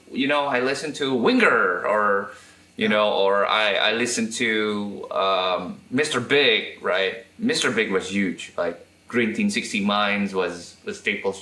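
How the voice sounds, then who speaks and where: A man from Indonesia with an Indonesian accent, chatting as an interview guest, with halting restarts and tag questions. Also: fairly low pitch, sharp tone, echoey room. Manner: halting, frequent "right?" tags and restarts. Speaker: guest guitarist and electronics restorer. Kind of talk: casual interview chat.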